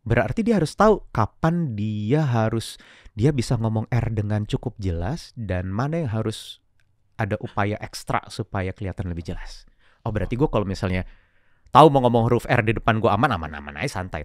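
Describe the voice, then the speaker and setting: Man, lowish pitch, casual coaching talk, example-driven, English words mixed in, dry sound. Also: lively intonation, a little fast, dry recording. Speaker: public speaking coach and guest. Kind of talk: casual explanatory interview talk.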